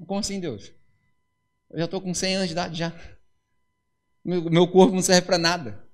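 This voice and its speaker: A man voicing a weary, doubtful hundred-year-old patriarch in a hushed, low, complaining tone. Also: flat delivery, moderate pace.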